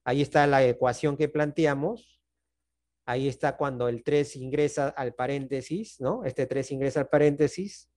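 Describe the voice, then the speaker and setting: A man's voice: mid-range voice, moderate pace, darkish tone. A man teaching a math class over a video call, with a Peruvian Spanish accent. He explains patiently and keeps checking in with the class. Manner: patient, checks in often with "¿no?" and "¿está bien?".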